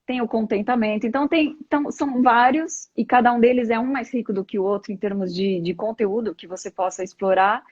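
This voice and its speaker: Slightly high and a little mellow, her voice runs brisk with hardly any pauses and no room sound. The middle-aged Brazilian guest, who does yoga, explains things reflectively through examples in a conversational live interview, heard through dull, lo-fi stream audio.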